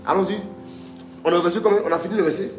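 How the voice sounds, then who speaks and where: In a reverberant room with soft background music, a man delivers a live-streamed teaching sermon, repeating phrases emphatically, pushing listeners on, and having scripture read aloud. His voice sits high, steady in tone, and racing.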